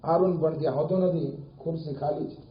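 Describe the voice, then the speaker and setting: A man giving an animated sermon, telling stories with rising emphasis. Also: a little high, brisk. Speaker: preacher. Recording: echoey hall, dull lo-fi sound, faint noise.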